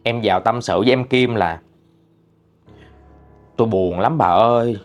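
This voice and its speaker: A man's voice: on the low side, measured pace, faint music behind. A man reading a listener's ghost story aloud in a chatty, conversational way.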